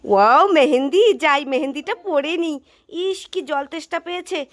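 A woman's voice: high-pitched, brisk, a bit bright, no room sound. A woman playing a mother in a scripted home comedy skit, teasing and scolding by turns. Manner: playful, teasing and scolding in turn.

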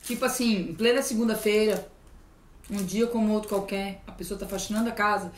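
A woman's voice: medium pitch, steady tone, a little fast, echoey room, slight background noise. A woman from Brazil, chatting casually and gushing as she opens mail at home. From southern Brazil. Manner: gushing, exclamatory, playful. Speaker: vlogger opening mail. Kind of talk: casual unboxing chat.

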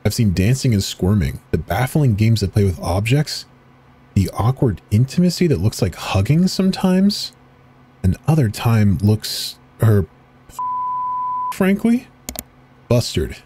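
A horror game video narrator with a lowish, warm voice gives a dramatic reading of on-screen web pages and installer text. His delivery is sing-song and a little slow with frequent pauses, broken up by brief casual comments as he clicks, and there's a slight hiss or hum.

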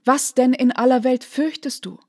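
A woman's voice: sits high, moderate pace, dark tone, voice pushed up. A woman voicing a stern, shocked noble mother who exclaims indignantly in a literary reading.

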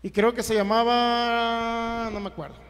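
A man's voice: very high voice, little pitch movement, measured pace, a bit bright, long reverb tail. A man preaching a Bible teaching, emphatic and repetitive, often putting rhetorical questions to his listeners.

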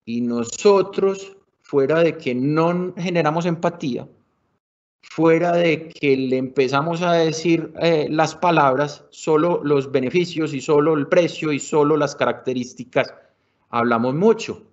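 Animated Colombian sales trainer, dull audio. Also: male voice, a little high, unhurried. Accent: Colombian Spanish. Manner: animated, varies loudness and speed for emphasis; colloquial, addresses audience as muchachos. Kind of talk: live online sales workshop. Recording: somewhat dull lo-fi video call audio.

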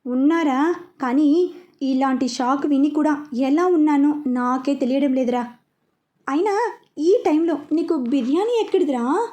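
A woman's voice: high voice, measured pace, long pauses, warm tone. Woman voicing Siddhu, exasperated young man.

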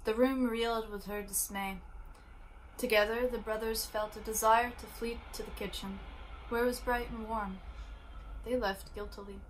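A woman's voice: a little high, steady tone, moderate pace, slight background noise, low-quality recording. A woman reading a novel aloud, stumbling now and then on a word and restarting, with brief asides to the listener. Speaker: reader.

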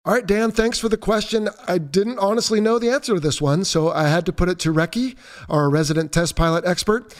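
A man of fifty hosting a podcast, answering listener mail in a relaxed, joking way. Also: high voice, brisk. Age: 50s. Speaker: podcast host. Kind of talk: reading listener questions and answering.

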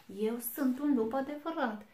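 A woman's voice: sits high, dark tone, pitched above the performer's own voice, lightly acted. Little good wolf boy with a thin voice, earnest, played by a woman in a storybook reading; echoey room. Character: small good-natured young male wolf. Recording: echoey room, faint noise.

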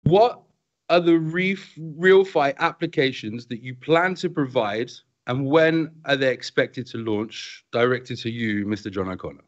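A man in his thirties hosting an online question session over a video call, relaxed and friendly as he introduces guests and reads questions. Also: mid-range voice, a little slow. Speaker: host and company CEO. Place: indoor room with a virtual space background. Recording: dull lo-fi video call audio.

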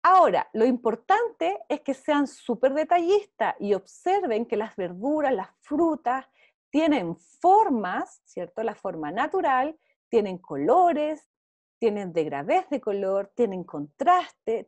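A woman teacher with a Chilean Spanish accent, leading young children through an online art class over a video call. Her voice sits high and swoops up and down as she encourages them, with a dry, close sound and no room echo. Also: big pitch swings, slow pace, a little mellow. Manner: encouraging, checks in often with "¿ya?". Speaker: visual arts teacher.

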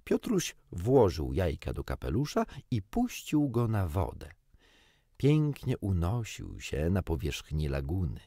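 A man reading a children's storybook aloud with gently wry, expressive storytelling. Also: low voice, measured pace, husky, dry recording, studio quality. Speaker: audiobook reader. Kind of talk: storybook narration.

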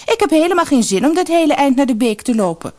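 A woman's voice: high voice, big pitch swings, fast, darkish tone, voice pushed up. A woman voicing a rude, lazy older sister, a spoiled young girl who snaps and sulks. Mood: snappy. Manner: snappy, sulky, rude.

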